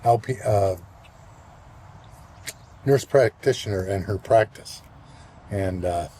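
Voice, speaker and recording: A man in his sixties giving a casual vlog check-in outdoors, talking in a relaxed, rambling way with plenty of fillers. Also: on the low side, slow pace, husky. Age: 60s. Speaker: vlogger. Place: outdoors, walking and at a golf course.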